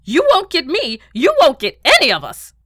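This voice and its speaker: Brief: small panicky male scientist, shrill, loud and high in a storybook reading; woman voicing him. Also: wildly swooping pitch, normal speed, vocal fry, no room sound, studio quality, far from the mic, heavily acted. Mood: frantic. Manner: shrill, frantic outbursts.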